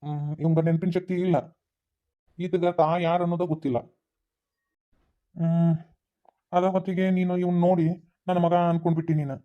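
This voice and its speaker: A man playing a sad village father in a cartoon, with a North Karnataka accent, speaking slowly. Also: on the high side, close to an everyday voice. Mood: sorrowful. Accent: North Karnataka Kannada. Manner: slow, flat and sorrowful. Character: middle-aged village father, sad and confessing. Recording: tinny phone-like sound.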